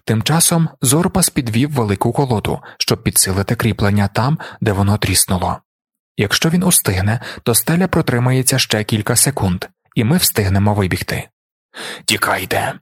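A man narrating an audiobook in a steady, measured way. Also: lowish voice, breathy edge, no echo, clean studio sound.

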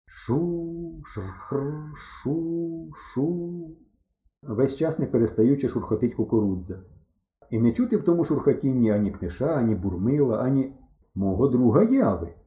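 A man reading an audiobook aloud, narrating in the first person with dramatic, expressive delivery. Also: medium pitch. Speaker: audiobook reader. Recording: roomy, dull recording.

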